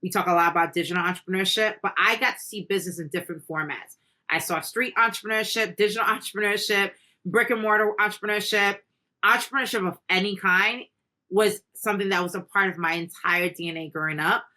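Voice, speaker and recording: A woman's voice: mid-range voice, quick pace, pushed and bright. A woman raised in Haiti, talking earnestly as a podcast guest, peppering her speech with "you know". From Caribbean, Haiti. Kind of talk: conversational interview.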